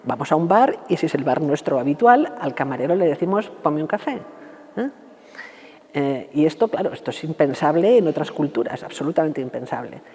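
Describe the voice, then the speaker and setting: Mellow-voiced woman explaining patiently. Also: sits low, in a large hall. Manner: didactic, acts out example phrases. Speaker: university researcher. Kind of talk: explanatory radio interview answers.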